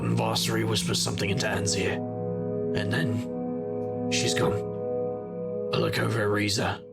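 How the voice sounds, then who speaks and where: A male actor with a fairly low, gravelly and husky voice narrates a noir audio drama as a world-weary, rueful magical investigator. His delivery is wry and the mood is bleak.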